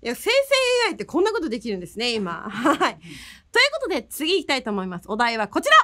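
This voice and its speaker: A woman hosting a comedic radio variety show, sharp-tongued and quick to shout in mock anger. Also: a little high, huge pitch swings, a little hiss or hum. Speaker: radio show host, VTuber.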